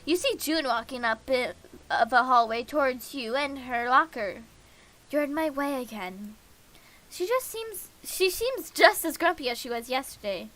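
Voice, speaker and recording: Streaming a visual novel, this woman reads every line herself, narration included, in a high, animated, slightly bright voice at a moderate pace. Small stumbles and restarts come up often.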